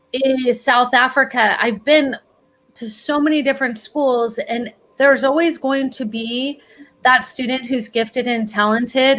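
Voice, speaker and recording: Female guest expert, fairly high voice, encouraging advice-giver. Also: fairly bright tone. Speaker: college planning expert, guest. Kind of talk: podcast interview.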